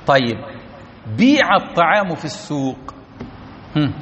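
Male teacher, higher voice, repeats and checks the class, dull lo-fi tape. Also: very animated, measured pace, a bit bright, slight background noise. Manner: explains step by step, repeats key words, keeps checking the class understands. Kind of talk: classroom grammar lesson. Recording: dull lo-fi recording.

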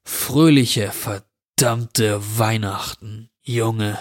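Man voicing a slow, drawling sinister stranger. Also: fairly low pitch. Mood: mocking. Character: sinister drawling man, dirty, menacing wish-granter. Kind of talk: horror story reading.

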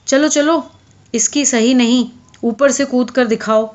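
A woman's voice: high-pitched, steady tone, pitched above the performer's own voice, lightly acted. A woman voicing a weary male farmer who grumbles through a cold night, read aloud in a storybook. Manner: weary, grumbling, then shouting. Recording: dull lo-fi audio.

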